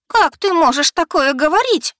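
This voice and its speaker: A woman reading an audiobook and voicing a distraught young woman who pleads and shouts at her sister, near hysterical. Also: very high-pitched, animated, moderate pace, no echo, clean studio sound, voice pushed up. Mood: wailing.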